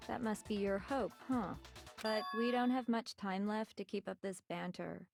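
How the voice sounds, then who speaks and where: A woman playing a composed, condescending teenage girl villain in a video game, articulate, measured and smug. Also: mid-range voice, creaky, over music, natural voice. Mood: coolly condescending. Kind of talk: English video game voice acting.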